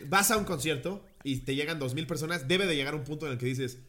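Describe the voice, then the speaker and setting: A man's voice: fairly high pitch, fast, pushed and bright. A man with a Mexican Spanish accent co-hosting a podcast, joking crudely with heavy slang while reading listener stories. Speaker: podcast co-host.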